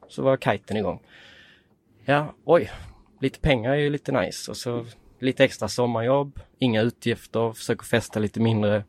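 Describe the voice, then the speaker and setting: Swedish man telling a story on a podcast. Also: mid-range voice. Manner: lively storyteller who acts out quoted dialogue. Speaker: guest.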